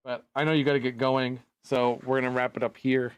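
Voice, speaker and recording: A man's voice: medium pitch, flat delivery, brisk, clean tone, no echo. A man co-hosting a podcast and stream, talking loosely and hesitantly with many restarts. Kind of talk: casual chat.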